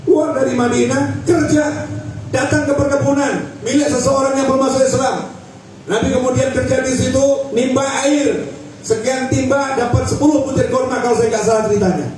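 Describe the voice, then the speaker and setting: A man preaching to a crowd with a high, lively voice, swinging from loud urging to low stretched words. He repeats phrases in rhythmic runs. The sound is heavily echoey and from far off, with faint background noise. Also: moderate pace, faint music behind. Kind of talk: Ramadan sermon to a crowd.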